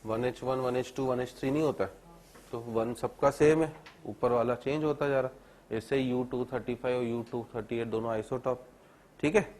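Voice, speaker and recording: A man teaching chemistry to a class, dictating notes slowly and checking in with students. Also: medium pitch, steady tone, darkish tone. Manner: repeats phrases slowly for dictation, keeps asking "theek hai na"; calls students "beta", explains step by step.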